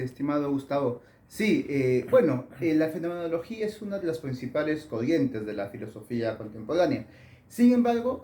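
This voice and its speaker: A man's voice: mid-range voice, mellow, echoey room. A man, an author answering interview questions in a thoughtful way with many fillers and restarts.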